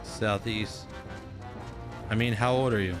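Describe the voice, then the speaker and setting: Man, thirties, slightly low voice, rambling casual gamer chat, swears, faint music behind. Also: fairly even intonation, measured pace. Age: 30s. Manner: rambling, joking, swears freely. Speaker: streamer. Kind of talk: casual live gameplay chat.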